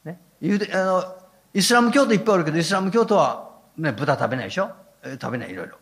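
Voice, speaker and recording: A man's voice: high voice, lively intonation, racing, creaky. An older man, preaching a sermon as a pastor with folksy, humorous storytelling.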